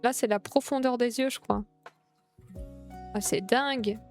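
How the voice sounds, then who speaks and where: A young woman streamer chatting excitedly while playing a game, gushing over everything she sees. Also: on the high side, a little slow, faint music behind. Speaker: Twitch streamer. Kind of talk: casual gameplay streaming.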